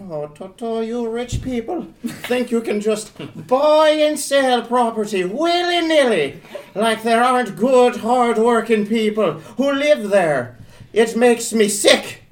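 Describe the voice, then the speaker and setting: Brash Irish police inspector played by a woman, loud and taunting, lively swooping voice. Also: fairly high pitch, slow. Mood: gloating. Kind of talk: amateur script read-through.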